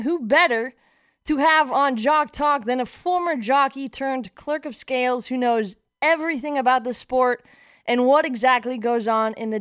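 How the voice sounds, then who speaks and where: A woman hosting a radio talk show from a studio, chatty and quick to laugh. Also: sits high, a bit bright, clear, resonant tone, no echo.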